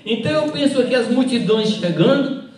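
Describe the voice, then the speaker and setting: High-voiced man preaching in an echoey hall. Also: expressive, brisk, distant mic. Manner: emphatic preaching, addresses the congregation directly with questions. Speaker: pastor. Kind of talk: sermon. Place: large hall at a pastors' conference.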